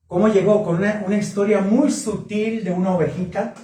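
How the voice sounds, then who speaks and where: A man preaching at a marriage conference, questioning the congregation in an animated way. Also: high voice, brisk. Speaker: pastor. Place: church hall. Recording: echoey hall, mic from a distance.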